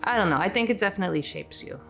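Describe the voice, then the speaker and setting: A woman's voice: medium pitch, animated, very fast, a bit bright, faint music behind. A woman in her forties from Poland, recalling her childhood casually in a documentary interview, with many fillers. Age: 40s. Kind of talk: documentary interview, personal recollection.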